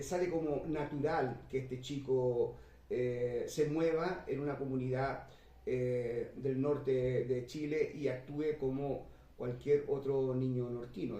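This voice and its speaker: A man hosting and moderating a literary panel, speaking in a measured way with many drawn-out fillers. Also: medium pitch, mellow. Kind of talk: conversational panel discussion. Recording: roomy echo, distant mic.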